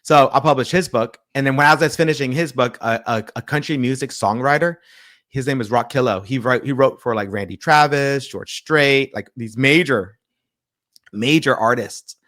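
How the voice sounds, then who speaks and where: A man's voice: mid-range voice, normal speed. Man telling a story animatedly. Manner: animated retelling with quoted dialogue and frequent restarts. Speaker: pastor and publisher, interview guest. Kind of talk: storytelling in a casual interview.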